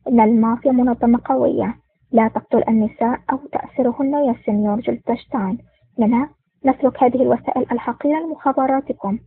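Brief: woman voicing a cold mafia don, breathy, quick delivery, phone-like sound. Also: fairly high pitch, steady tone, no room sound. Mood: contemptuous. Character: stern cold male mafia boss. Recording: tinny phone-like dry recording.

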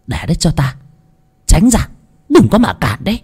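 A man voicing a stern female village shaman who barks sharp orders. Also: high voice, huge pitch swings, moderate pace, breathy edge, pitched above the performer's own voice, full character voice. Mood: commanding.

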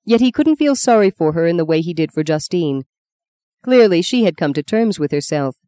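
A woman reads a novel aloud with calm, even delivery. Her voice sits low and mellow, with a warm, dark tone. The recording is dry and close, with no room sound. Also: normal speed, dry recording. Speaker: audiobook narrator. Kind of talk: scripted narration.

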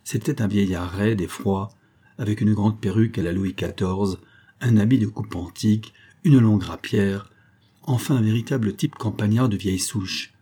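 A man narrating a historical novella as an audiobook in a measured storytelling manner. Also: on the low side, mellow, slightly rough.

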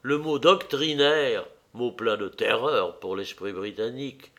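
A man with a mid-range voice narrates a novel as an audiobook reader, telling the story in a measured, even manner.

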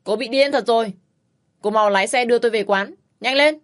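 A woman's voice: a little high, fairly quick, voice pushed up, lightly acted. A woman voicing a panicked, irritable young man who barks demands sharply. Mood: agitated. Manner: sharp, shouting.

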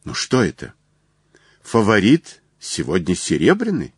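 A male reader doing a proud, hot-tempered older colonel from an audiobook tale. His voice is fairly low and swings up and down as he demands answers. The sound is close and dry. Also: wildly swooping pitch, a little slow, husky, no echo, heavily acted. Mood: puzzled. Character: agitated aristocratic racehorse-owning colonel, older man.

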